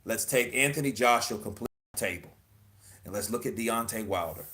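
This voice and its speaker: A man's voice: lowish voice, fast, bright, forceful tone. Profane, emphatic boxing commentator man. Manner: emphatic and profane, full of rhetorical questions. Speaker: boxing news host.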